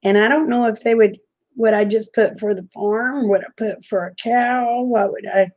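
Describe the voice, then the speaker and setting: A woman's voice: on the high side, steady tone, a little mellow. An American woman chatting casually and a little unfocused from lack of sleep, in a folksy, homey way with endearments, as if to livestream viewers. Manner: sleep-deprived, unfocused, slow to follow. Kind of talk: casual rambling chat.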